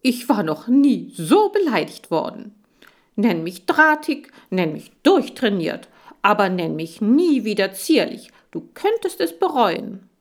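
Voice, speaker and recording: A woman's voice: low-pitched, very animated, a little fast, few pauses, full character voice. Woman doing a proud hamster, huffy, tough-guy talk, storybook. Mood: indignant. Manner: indignant, boastful. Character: proud touchy male hamster, tough-talking.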